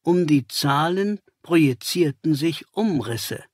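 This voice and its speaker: Slow, husky male audiobook narrator. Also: a little high, expressive, dry recording, clean studio sound. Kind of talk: scripted first-person narration.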